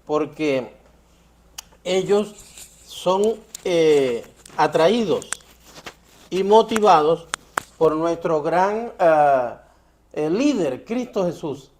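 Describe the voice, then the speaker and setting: A man co-presenting a Bible study lesson in a measured, affirming manner. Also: a little high, animated, darkish tone, a little hiss or hum.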